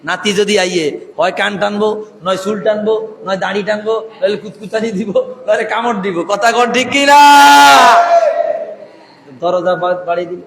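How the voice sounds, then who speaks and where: A man's voice: sits high, moderate pace, noisy background. A man preaching a fervent sermon, chanting and sing-song, calling out to the crowd over a PA system. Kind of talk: Bengali waz sermon. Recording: echoey PA sound with long reverb.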